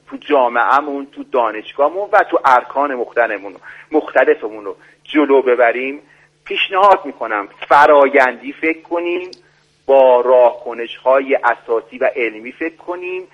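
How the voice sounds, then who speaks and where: Guy calling in to a radio show, muffled phone line, formal and lecturing, lots of pauses. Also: medium pitch. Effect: voice heard over a phone line on the radio.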